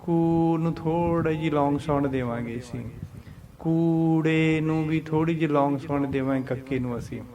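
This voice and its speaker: A man teaching scripture pronunciation, patiently chanting verses slowly and explaining them. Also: a little high, fairly even intonation, a crowd in the background.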